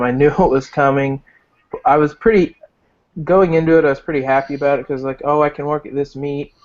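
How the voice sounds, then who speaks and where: Man, podcast guest, mid-pitched, rambling with fillers, muffled lo-fi sound. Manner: rambling with many fillers, chuckling. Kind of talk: casual chat. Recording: muffled lo-fi call audio.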